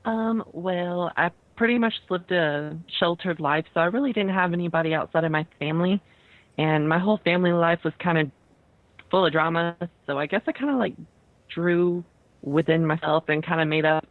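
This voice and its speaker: A woman's voice: fairly low pitch, normal speed, dry recording. A woman with a Southern drawl, calling in from Texas as a guest on a bad connection. Her voice comes through a tinny phone line that is dry and close, and it keeps cutting out. She speaks in a casual, hesitant way, full of "like" and "kinda". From Texas, USA. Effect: bad connection, phone-line audio cutting out. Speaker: call-in guest. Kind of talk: casual chat over a call. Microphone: remote call.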